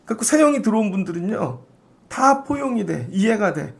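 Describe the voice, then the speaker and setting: A man's voice: high-pitched, big pitch swings, brisk, gravelly. A man pastor giving a conversational Friday prayer sermon, acting out the voices of the people he quotes. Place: church sanctuary.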